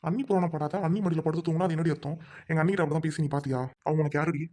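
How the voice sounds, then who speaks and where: A performer plays a young husband caught between his wife and his elder brother. He lectures and reproaches at a quick clip in a mid-range voice. It is a Tamil audio drama. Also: mid-range voice, steady tone, dark tone, close to an everyday voice. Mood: angry.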